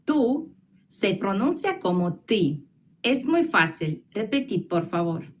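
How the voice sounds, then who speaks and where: Woman, language teacher, very slow, patient and repetitive, mid pitch. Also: very animated. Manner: slow, patient, repeats words for students to echo. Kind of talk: online language lesson.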